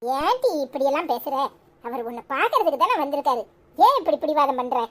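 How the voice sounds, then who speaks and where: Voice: sits high, very animated, fairly quick, fairly bright tone. A performer voicing a bossy, nagging woman who scolds the pregnant girl in a cartoon comedy, speaking Tirunelveli Tamil. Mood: scolding.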